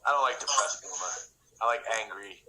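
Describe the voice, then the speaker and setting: A man's voice: lowish voice, fairly quick, over a noisy crowd, low-quality recording. A man co-hosting a casual draft-watching chat on a video call, joking and teasing the others. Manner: joking, wisecracking. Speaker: co-host.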